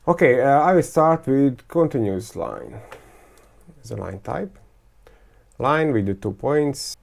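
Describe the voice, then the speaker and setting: A man speaks in a gravelly, animated, mid-range voice with a darkish tone while teaching a screen-recorded software tutorial. He halts and restarts a lot, using many fillers as he thinks aloud; Croatian, Serbian and Hungarian are his first language.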